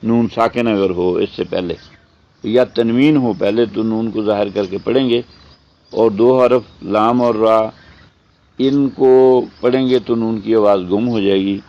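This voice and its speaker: A man teaching a tajweed lesson. He explains step by step, asks and answers his own questions, and draws out the recited words slowly. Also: on the low side, steady tone, muffled recording. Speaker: Quran teacher.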